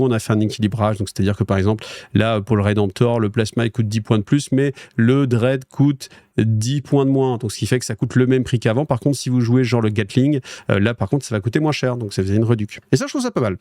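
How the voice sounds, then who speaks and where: A man's voice: medium pitch, mellow, no room sound, clean studio sound. A French man hosting a wargaming news show, chatting casually with viewers in a rambling way, with lots of fillers and restarts. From France.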